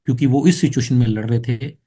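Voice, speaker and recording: A man's voice: mid-range voice, fast talker, mellow. A middle-aged man from India giving a preachy motivational training talk that turns to scolding and storytelling. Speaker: business trainer.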